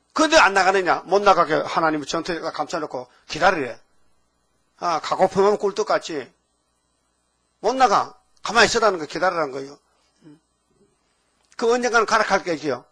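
Older male preacher with sudden loud rises. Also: sits high, very animated, brisk. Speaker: pastor. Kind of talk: sermon.

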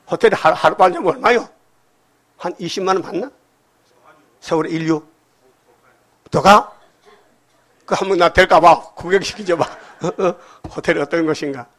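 An older man preaching a sermon in a church, animated and firing rhetorical questions at the congregation. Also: on the high side. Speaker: pastor. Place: church sanctuary.

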